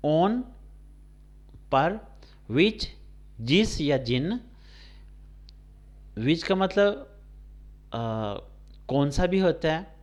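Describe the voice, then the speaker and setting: A man teaches an English lesson to blind students, dictating each word slowly and spelling it out letter by letter. His voice sits a little high and moves up and down a great deal, and he checks in with his pupils by name. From Pakistan. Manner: slow, spelled-out dictation of words, switching between English and Urdu. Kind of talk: recorded classroom lecture.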